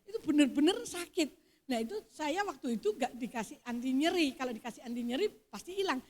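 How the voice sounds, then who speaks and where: A middle-aged woman pastor with a Javanese accent preaches at a church service, moving from quiet storytelling to loud, emphatic exclamations. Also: high voice, expressive, a little fast. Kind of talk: sermon.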